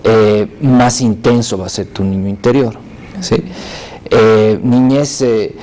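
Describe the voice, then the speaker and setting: A man's voice: lowish voice, fairly even intonation, slow pace, dark tone. A man speaking as a talk show guest, explaining ideas patiently and checking in with the listener.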